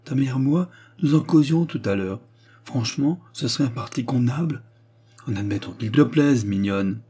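A male audiobook reader voicing a gentle, hesitant father who speaks mildly and with some embarrassment. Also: mid-range voice, expressive, normal speed, slightly rough. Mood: timid. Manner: mild, embarrassed, timid. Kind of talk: audiobook character reading.

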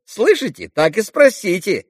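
A man's voice: sits high, wildly swooping pitch, unhurried, husky, dry recording, clean studio sound, pitched above the performer's own voice, full character voice. A man reading an audiobook and voicing an eager older schoolboy who taunts and urges. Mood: taunting. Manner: taunting, urgent.

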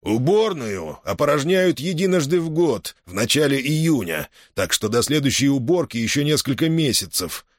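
Guy playing a mean sneering jailer, barks threats, swings up and down in pitch, dry close sound. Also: big pitch swings, moderate pace, hardly any pauses, no echo. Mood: condescending. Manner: condescending, menacing, hissing threats. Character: stern condescending male jail commandant, threatening. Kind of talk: audiobook character voice.

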